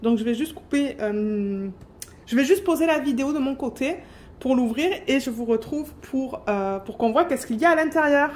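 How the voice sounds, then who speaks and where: A woman chatting excitedly on her home craft vlog, filling pauses with fillers and breaking into squeals. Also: sits high, slight background noise. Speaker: diamond painting vlogger.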